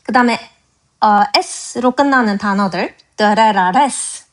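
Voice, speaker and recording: A woman delivers a grammar lesson at an unhurried, deliberate pace. She speaks straight to her viewers in a patient, explanatory way, stretching out each example word slowly. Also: on the high side. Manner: slow, drawn-out pronunciation of example words; explanatory, addresses viewers directly. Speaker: language teacher.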